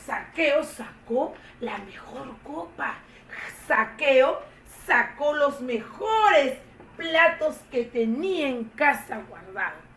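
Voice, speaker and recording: A woman telling a Bible story to children in an expressive, animated way. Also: sits high, slow, distant mic. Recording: echoey room, faint noise.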